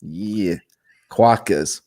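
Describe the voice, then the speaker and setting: A man with a fairly low voice chats as a podcast guest. He is wry and sarcastic, and his delivery stays easygoing. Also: very slow, mellow. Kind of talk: casual chat.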